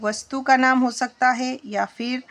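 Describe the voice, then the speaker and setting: A woman's voice: high-pitched, steady tone, a bit bright. A woman teaching a spoken English lesson in Hindi, patiently quizzing her students as she goes. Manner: slow, patient, asks the class questions.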